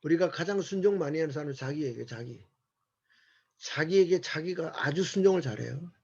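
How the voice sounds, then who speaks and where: A man's voice: a little high, animated, a little fast, darkish tone, slightly rough. A man giving an earnest, sermon-like discipleship lecture to a church class, asking the audience rhetorical questions. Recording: muffled lo-fi recording.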